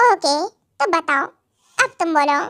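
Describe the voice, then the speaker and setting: A woman's voice: sits high, animated, unhurried, fairly bright tone, no echo, clean studio sound, voice pushed down. A woman voicing a playful, teasing young husband in a fan audio drama, joking and calling his wife baby. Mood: puzzled.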